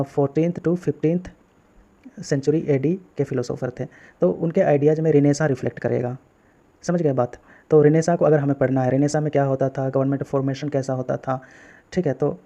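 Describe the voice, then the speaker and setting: A man's voice: medium pitch, dark tone. A male political science teacher, giving a recorded exam-prep lecture and often checking whether students have understood. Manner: explains step by step, checks understanding with repeated questions.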